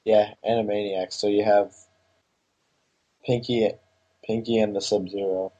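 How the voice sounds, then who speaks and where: A man's voice: lowish voice, flat delivery, measured pace, warm tone, breathy edge, muffled recording. A man co-hosting a casual gaming podcast, dropping in brief joking remarks. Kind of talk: casual chat.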